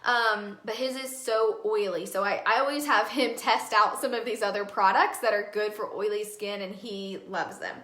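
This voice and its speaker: A woman's voice: medium pitch, normal speed, hardly any pauses, fairly bright tone, reverberant. A woman in her twenties chatting casually to viewers on a live skincare demo, upbeat and full of fillers and asides. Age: 20s. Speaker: beauty consultant hosting a live skincare demo. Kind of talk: casual live-stream product talk.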